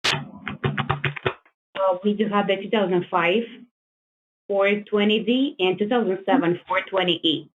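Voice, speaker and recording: A woman's voice: mid-range voice, fairly even intonation, measured pace, long pauses. Woman sales agent, businesslike, tinny phone line with faint hiss. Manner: polite, brief, businesslike.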